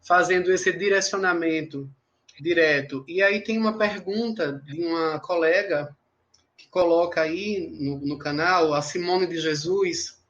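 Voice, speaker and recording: Man, mediator, high voice, long winding questions, video call. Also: fairly bright tone, dull audio. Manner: asks long questions, relays audience questions. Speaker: panel mediator. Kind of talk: live online panel talk.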